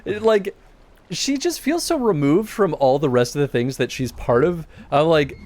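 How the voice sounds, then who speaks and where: A man's voice: on the high side, lively intonation, normal speed, a little mellow. Chatty laughing streamer man. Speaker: streamer host. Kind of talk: casual stream chat.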